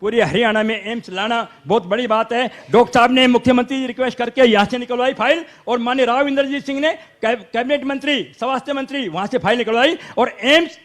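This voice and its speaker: A man's voice: extremely high pitch, brisk, few pauses, fairly bright tone. A man with a Haryanvi accent, a local supporter arguing insistently in a heated panel debate. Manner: insistent, argumentative, interrupts to defend his side.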